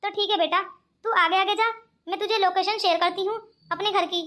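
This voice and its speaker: A woman's voice: extremely high pitch, steady tone, a little fast, sharp tone. A woman voicing a scheming rich old grandmother in a cartoon, speaking in a coaxing manner. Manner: coaxing, calls others 'beta'. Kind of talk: cartoon voice acting.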